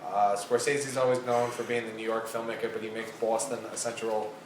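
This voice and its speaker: A man's voice: lowish voice, flat delivery, brisk, roomy sound, slight background noise. A man co-hosting a casual film chat, enthusiastic and fond of quoting lines. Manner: enthusiastic, quotes movie lines. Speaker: podcast co-host.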